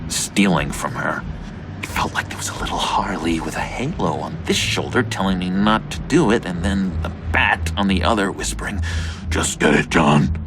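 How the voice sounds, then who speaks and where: A man's voice: sits low, normal speed, close to an everyday voice, low-quality recording. An actor playing an eager, unhinged, needy young male oddball in a video game, with a theatrical, hesitant then gushing delivery. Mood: conflicted musing. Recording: music under the voice.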